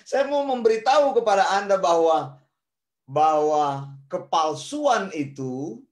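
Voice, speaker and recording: Higher-voiced man preaching in an echoey room. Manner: storytelling, addressing listeners as brothers and sisters. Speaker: Bible teacher. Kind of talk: sermon-style Bible teaching. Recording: roomy echo.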